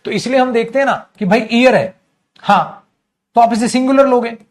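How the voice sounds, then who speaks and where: High-voiced male teacher, repeating points. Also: normal speed. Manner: calls students "beta", repeats key terms; acts out students and mummy in little scenes. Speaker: English grammar teacher. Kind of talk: online class lecture. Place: streaming class, checking live comments.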